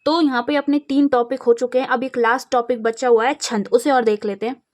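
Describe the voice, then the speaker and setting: A young woman from India with a Madhya Pradesh Hindi accent, teaching an exam revision lesson and explaining terms step by step. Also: fairly high pitch. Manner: steady explaining, slows to recite verse examples.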